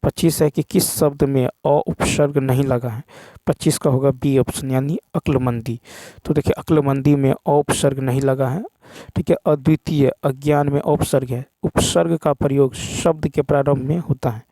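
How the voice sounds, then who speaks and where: A male teacher with a gravelly, dark voice walks through exam questions one at a time. He repeats each key point and keeps checking in with his viewers. The sound is dry and close, with no room echo. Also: medium pitch, fairly even intonation, moderate pace. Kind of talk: exam answer walkthrough.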